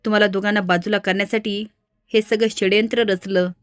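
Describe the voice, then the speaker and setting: A woman narrator voicing a defiant young wife who loudly accuses her family. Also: mid-range voice, fairly even intonation, a little fast, no room sound, studio quality, natural voice. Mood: accusing. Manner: loud, accusing.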